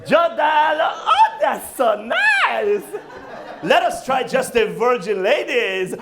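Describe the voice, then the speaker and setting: A man from New Jersey with a New Jersey accent doing a brash, profane stand-up set, singing and shouting bits on a comedy club stage. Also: very high voice, huge pitch swings, slow pace, vocal fry, heavy background noise. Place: comedy club stage before a laughing audience. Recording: live club crowd audible.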